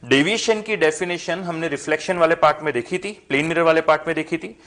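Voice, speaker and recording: A man's voice: a little high, quick pace, fairly bright tone. A young man teaching a physics lesson, posing questions to the class and answering them himself. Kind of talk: classroom lesson explaining at a board.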